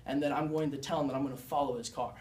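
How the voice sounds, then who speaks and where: A man's voice: mid-range voice, fairly even intonation, rapid-fire, darkish tone. A young man giving a class presentation as a student, explaining and demonstrating signs in an earnest way. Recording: echoey room, mic far off.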